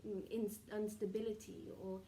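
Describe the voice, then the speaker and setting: A solemn, benevolent collective of spirit guides speaks through a woman acting as trance medium in a soft, mellow voice. The seance-style counsel comes in formal, halting phrases with murmured pauses. It is picked up from a distance in an echoey room, with faint noise. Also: medium pitch, flat delivery, natural voice. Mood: gentle, instructive.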